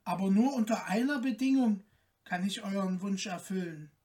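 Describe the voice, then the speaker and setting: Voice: mid-range voice, far from the mic, natural voice. A reader doing a mournful enchanted owl princess. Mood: hushed. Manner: soft and subdued, slow and mournful. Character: sad enchanted owl princess, lonely and gentle.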